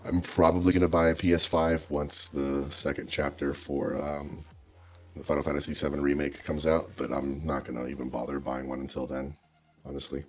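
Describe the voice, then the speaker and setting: A man's voice: extremely low pitch, level tone, normal speed, a little mellow, faint music behind. A man talking through a voice changer, rambling and thinking aloud in casual chat while he codes. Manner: rambling, hesitant, muttering to himself with many fillers. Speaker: streamer coding a website.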